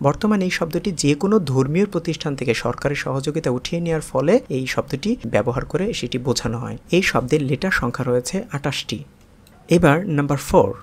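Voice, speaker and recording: Gravelly-voiced man teaching vocabulary. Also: on the high side, expressive. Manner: explains slowly, breaks long words into syllables and repeats them; asks viewers questions. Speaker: English teacher. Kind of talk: vocabulary lesson.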